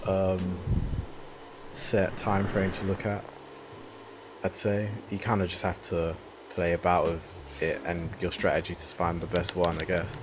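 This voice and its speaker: A man in his twenties co-hosting a podcast and reading out listener questions, soft-spoken and trailing off with hedges. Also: low voice, level tone, measured pace, noisy background. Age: 20s. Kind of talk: casual group chat.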